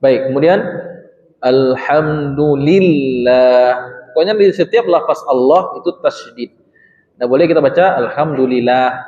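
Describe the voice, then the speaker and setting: A man's voice: a little high, animated, a little mellow. A man, a religious teacher, giving a study-circle lesson on Quran recitation, stretching out recited phrases and quizzing his listeners. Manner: slowly drawn-out recitation demonstrations, quizzes the congregation. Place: mosque hall. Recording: echoey mosque hall, dull sound.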